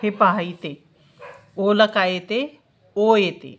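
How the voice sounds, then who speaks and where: A woman's voice: medium pitch, steady tone, slow. A woman tutor teaching a spelling lesson, patiently repeating each question and answering it herself, sounding out letters syllable by syllable.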